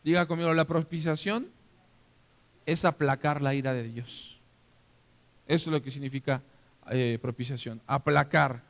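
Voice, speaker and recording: A man with a Mexican accent preaching a sermon as pastor, animated and interactive, often checking that the congregation is following. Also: medium pitch, moderate pace, creaky, long pauses. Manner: animated, acts out scenes for the listeners. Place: church hall. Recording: long reverb of a church hall.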